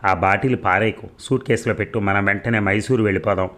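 A man voicing a smooth-talking young male lover on the phone in a read-aloud serial novel, speaking in a hurried, intimate way. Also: fairly low pitch, fairly even intonation, fairly bright tone, lightly acted.

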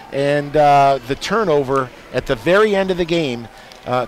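A man giving color commentary after a basketball game, folksy and animated in his analysis. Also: fairly high pitch, slight background noise. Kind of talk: postgame sports analysis. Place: basketball arena broadcast booth.

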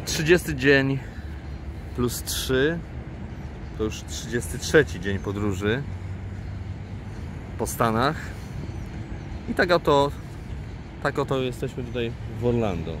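A man vlogging while he films a lakeside city park, talking in a flat, unenthusiastic way with dry humor. He holds the camera himself. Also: medium pitch, takes it slowly, pauses often. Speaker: travel vlogger and guide. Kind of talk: casual vlog commentary while filming. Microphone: handheld camera mic, speaker off screen. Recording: outdoor camera audio with traffic noise. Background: city traffic and boat noise.

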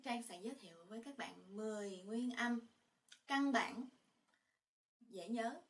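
A woman teaching a language lesson, calmly explaining and repeating each sound loudly for learners to follow. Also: on the high side, distant mic. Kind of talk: slow, clear lesson narration.

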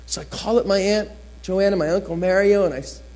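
A man's voice: high voice, fairly quick, a little mellow. A man from New Jersey preaching a sermon as a chatty personal story, acting out the people he quotes.

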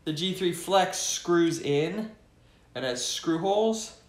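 A man's voice: sits high, expressive, slow pace, roomy sound. Chatty young man unboxing gear. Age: young adult. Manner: enthusiastic, chatty, thinks aloud while handling gear. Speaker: tech vlogger. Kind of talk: casual unboxing talk to camera. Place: living room, seated on a leather couch.

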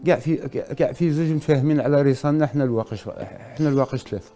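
Very fast, mellow middle-aged Algerian man. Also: mid-range voice, faint music behind. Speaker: talk show guest. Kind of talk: recounting a personal grievance. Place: TV studio.

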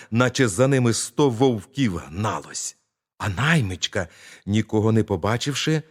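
Slow, lively-voiced male storyteller. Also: mid-range voice. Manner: slow, expressive bedtime storytelling. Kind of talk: scripted fairy-tale narration.

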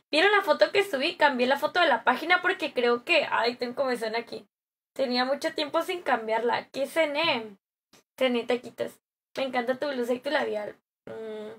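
A young Mexican woman streaming live, chatting with viewers in a bubbly, slangy way, her voice a little hoarse from a sore throat. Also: high-pitched. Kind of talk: live stream chat, greeting viewers and reading comments.

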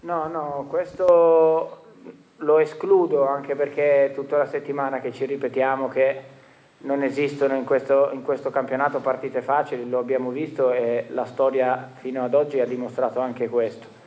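A football coach in his forties responds to questions after a match in a stadium press room, using a table microphone. He speaks with medium pitch and a flat, darkish delivery, measured and reflective with frequent restarts, and the highs are cut off.

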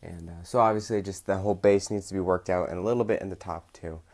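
A man's voice: low voice, fairly even intonation, fast, a little mellow. A young man chatting upbeat in a casual vlog from a small bedroom, with lots of ums. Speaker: vlogger.

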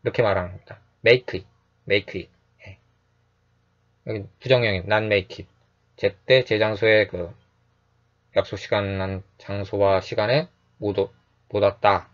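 A man teaching English phrases in a calm, explanatory lecture, repeating each phrase slowly and often adding a short "yes". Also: fairly low pitch, lo-fi sound.

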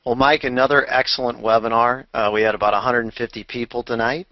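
A man's voice: mid-range voice, fairly even intonation, fast, no echo, lo-fi sound. A man hosting a webinar, wrapping up and thanking the presenter and audience with frequent fillers. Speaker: webinar host. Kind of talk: closing remarks of a webinar.

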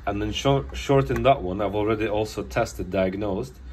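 A low-voiced phone repair technician, stuffed up with a cold, plainly walks through a bench test in a casual hands-on demo at his indoor workbench, explaining as he goes with a few restarts. He speaks at a moderate pace with a darkish tone, filmed on a phone camera held over the bench, with audible room noise.

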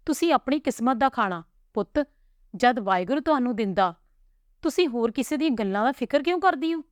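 A woman reading the part of a gentle older father who comforts his daughters in a tender, reassuring way. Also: sits high, expressive, fairly quick, no room sound, studio quality, pitched above the performer's own voice. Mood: earnest reassuring.

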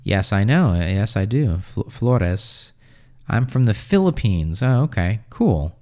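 Very animated but mellow, the American-raised man in his thirties takes things slowly as he answers viewer comments on his casual English-teaching livestream. He speaks offhand with many fillers from a small room at home, his mouth close to a boom-arm studio mic.

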